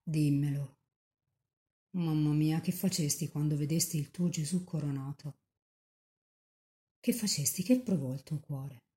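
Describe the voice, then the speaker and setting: A young woman mystic lost in rapture, as a nun reads her words aloud, pleading with Mary in a fervent, tender prayer. The voice sits low and mellow. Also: a little slow, long pauses.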